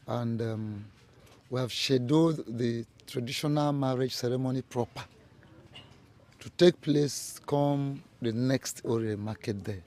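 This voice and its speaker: A man's voice: medium pitch, unhurried, darkish tone, lightly acted. An actor playing a proud middle-aged village chief in a film drama, a man with an emphatic Nigerian-accented delivery. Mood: jovial, pleased. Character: proud, jovial village chief, father of a grown son.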